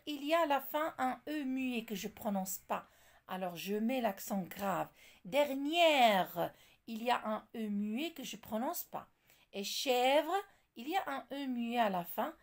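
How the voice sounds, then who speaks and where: A woman teaching French walks through examples slowly and deliberately. Her fairly high voice rises and falls a lot, with a gravelly edge at the ends of phrases. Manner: slow, deliberate, spells out examples. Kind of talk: classroom lesson explanation.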